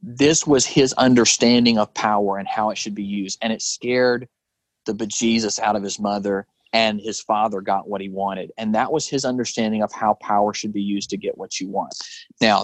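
A man's voice: lowish voice, no echo, rough recording. A man who is a guest and leadership speaker with a preacher's background, talking earnestly in conversational storytelling with rhetorical questions.

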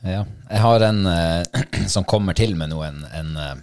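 Guy with a really deep voice, chatting slow and thoughtful, lots of ums. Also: a little mellow, smooth. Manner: slow, hesitant and reflective, many fillers. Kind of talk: casual chat.

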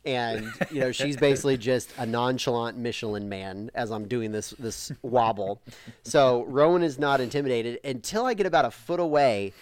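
A man in his thirties, a podcast co-host, chatting casually and telling animated family stories. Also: medium pitch, normal speed, clean tone. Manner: animated storyteller, acts out a toddler's shouting. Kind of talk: casual chat.

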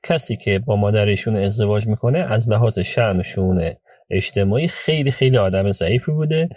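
A hoarse man, his voice worn by a cold, tells stories from his legal cases in a relaxed podcast narration. His tone is dark and mellow. The sound is dull and very dry, with no room echo. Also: fairly low pitch. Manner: chatty, with frequent hesitations. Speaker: podcast host and lawyer recounting client cases.

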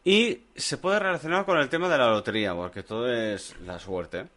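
A man's voice: mid-range voice, normal speed, fairly bright tone. Rambling joking man. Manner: joking, rambling anecdotes with many restarts. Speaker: podcast co-host. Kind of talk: casual chat before a live audience. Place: bar with a live audience.

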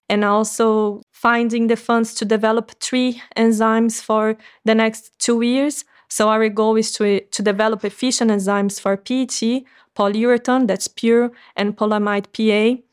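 A woman's voice: on the high side, clear, resonant tone. Earnest woman explaining her research. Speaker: startup founder. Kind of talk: interview answers.

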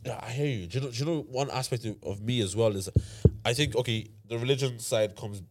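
A young man in a casual group chat, telling stories in an animated, slangy way. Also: medium pitch, quick pace, heavy background noise.

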